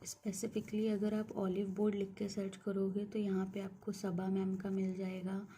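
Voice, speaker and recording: A woman's voice: mid-range voice, monotone, moderate pace, background noise. A young woman giving a casual screen-share walkthrough of study resources as a banking exam aspirant, mixing English words into her Hindi with frequent hesitation fillers.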